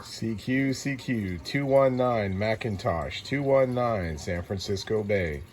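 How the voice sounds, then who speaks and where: In a noisy CB radio room with radio noise behind him, an American man with a lowish voice talks slowly but animatedly. As a CB radio operator and channel host, he casually makes long-distance contact, trading call signs in a laid-back way.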